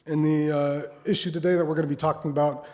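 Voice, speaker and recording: A man delivers a sermon with a thick, sore-throated voice, as if getting over swollen tonsils. His delivery is halting and hesitant, and his voice rings with long reverb in a large hall. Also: a little high, flat delivery, darkish tone. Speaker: Friday sermon speaker. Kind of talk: sermon in English with Arabic recitation. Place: mosque prayer hall.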